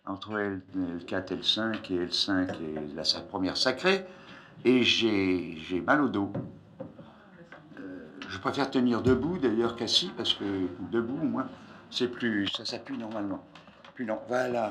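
A man's voice: fairly low pitch, sharp tone, slightly rough. An older man giving an informal, discursive lecture, often breaking off mid-phrase, on an old archive tape. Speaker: scientist giving a public lecture. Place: lecture hall, speaking from a raised platform.

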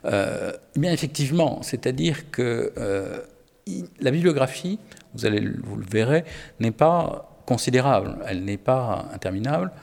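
A man's voice: mid-range voice, expressive, moderate pace, gravelly, darkish tone, in a large hall. A man talking about literature as an editor, hesitant, with many fillers and restarts. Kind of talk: spoken literary discussion.

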